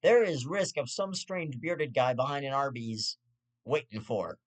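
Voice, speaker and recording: A man's voice: medium pitch, normal speed. Young guy ranting on his own show, swears a lot, trips over his words, half joking. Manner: profane, rambling, stammering restarts, half-joking. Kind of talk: ranting casual commentary.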